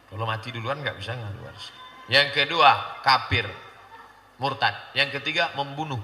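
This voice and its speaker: A man's voice: medium pitch, normal speed, sharp tone. A man preaching to a crowd, reading out questions and answering them with jokes and quoted scripture. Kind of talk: humorous sermon Q&A. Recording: echoey hall with faint noise.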